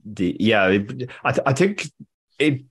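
A man co-hosting a podcast in casual chat, halting and often repeating words as he starts. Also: mid-range voice, lively intonation, a little hiss or hum. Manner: halting, stammered repetitions. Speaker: podcast co-host.

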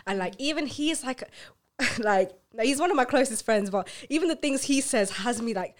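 A woman's voice: fairly high pitch, lively intonation, normal speed. A woman chatting casually, rambling with many fillers and restarts. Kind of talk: casual group chat.

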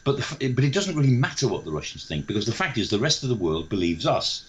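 A man's voice: mid-range voice, sing-song, quick pace. An older man with a British accent giving spontaneous expert analysis on the news, explaining his points emphatically. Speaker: defence expert guest, professor.

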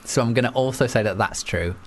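A woman hosting a casual chat with guests, excitable and quick to laugh. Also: rumbling low. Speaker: host.

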